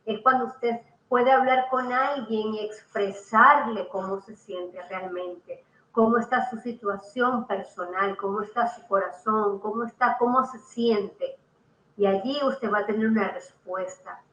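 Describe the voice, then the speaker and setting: A woman's voice: mid-range voice, steady tone, unhurried, a bit bright, reverberant, lo-fi sound. A woman preaching a televised sermon, repeating phrases for emphasis and interjecting hallelujah. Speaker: prophet and TV program host.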